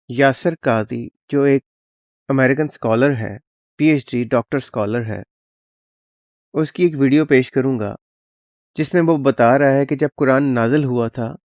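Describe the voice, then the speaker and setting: A man's voice: medium pitch, no room sound. A man hosting his channel, explaining a clip in a plain conversational way and dropping English words into his speech. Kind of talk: casual explanatory commentary.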